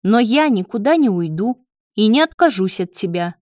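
A woman's voice: medium pitch, expressive, moderate pace, darkish tone, no room sound, clean studio sound, close to an everyday voice. A woman reading the part of a mocking, scheming young man in a spoken story, with a taunting delivery. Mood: sneering. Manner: sneering, taunting.

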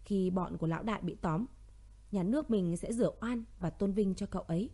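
A woman voicing a young man who gently consoles his grieving younger sister, in a narrated audio story. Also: mid-range voice, brisk, lightly acted. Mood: consoling.

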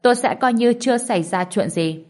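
A woman's voice: fairly high pitch, fairly quick, darkish tone, pitched above the performer's own voice, lightly acted. A woman voicing a stern middle-aged male martial master who speaks coldly and threatens. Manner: cold, threatening.

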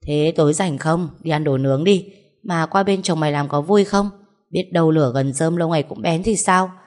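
A woman's voice: low-pitched, a little fast, a little mellow, close to an everyday voice. A woman reading as a blunt teasing best friend.

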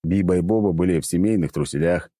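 A man reading a comic first-person audiobook with wry, lively storytelling. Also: low voice, fast talker, dry recording, clean studio sound. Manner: lively, wry storytelling that jumps up for shouted lines. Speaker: audiobook reader.

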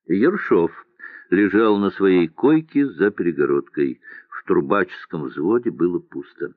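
A man narrating a historical novel as an audiobook in a measured storytelling manner. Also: low-pitched, lively intonation, dry recording. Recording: dry tinny lo-fi sound.

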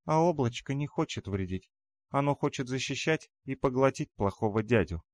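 Storybook creature: clingy little cloud-demon girl, high and whiny, voiced by a male narrator. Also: expressive, moderate pace, no echo, natural voice. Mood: sulky. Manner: high childish whine.

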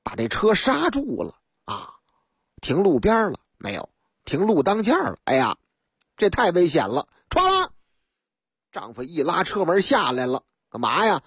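Radio storyteller, theatrical, swooping pitch, husky voice. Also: unhurried, long pauses, no echo, clean studio sound. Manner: lively and theatrical.

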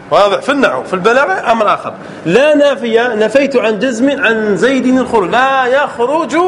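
A man teaching a grammar lesson to a class. He checks with his students often, repeats words, and stretches key words out slowly. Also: extremely high pitch, fairly bright tone, slight background noise.

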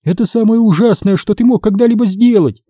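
A man's voice: sits high, brisk, warm tone, no echo, studio quality, pitched above the performer's own voice. A man doing a tearful distraught mother. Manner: anguished, reproachful.

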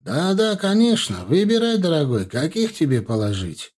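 A man's voice: fairly high pitch, sing-song, normal speed, a little mellow, voice pushed up. A man voicing a frightened market trader who talks hurriedly and eagerly to please. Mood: fawning. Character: nervous, fawning male market trader.

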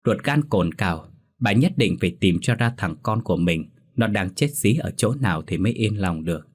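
Man, low voice, husky, steady horror story narration. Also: normal speed.

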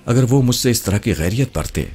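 A man's voice: mid-range voice, expressive, a little mellow, slightly rough, soft background music, pitched above the performer's own voice. A male narrator voicing a young, wealthy, affectionate woman who pleads emotionally in a storybook reading. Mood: insistent.

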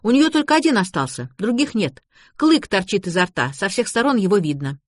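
A woman's voice: medium pitch, big pitch swings, fairly quick, dry recording, clean studio sound, pitched above the performer's own voice. A woman voicing a chatty, stubborn young woman who talks in folksy sayings and baby-talk words.

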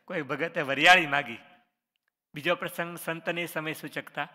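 A man's voice: fairly high pitch, fairly even intonation, normal speed, pushed and bright, big-room sound. A man, a religious teacher reading out quiz questions on scripture stories and answering each one, with short explanations. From Gujarat, India.

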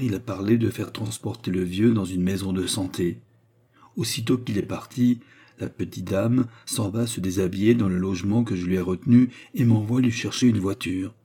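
A man voicing a male servant spy reporting plainly, in a low, husky voice. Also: dark tone.

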